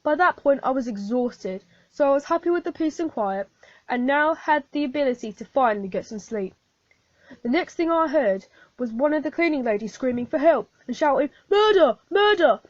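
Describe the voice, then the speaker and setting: A weary, earnest hotel landlord gives his account in a careful, plain way, as a high-voiced woman plays him. The radio play recording is dull and dry, with no room sound at all. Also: expressive, a little fast, a little mellow, no room sound. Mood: recounting. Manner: plain, careful storytelling testimony. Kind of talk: amateur radio play acting. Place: home, recorded alone.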